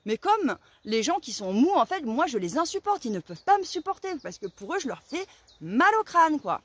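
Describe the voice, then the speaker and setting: A young woman vlogger telling a story in casual, slangy speech, excitable and animated, acting out her own shouts. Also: high-pitched, moderate pace, husky, no room sound.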